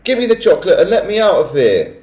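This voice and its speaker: A man's voice: sits high, wildly swooping pitch, moderate pace, warm tone, reverberant, voice pushed up. A man voicing a rude, demanding schoolboy with a brash voice. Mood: angry.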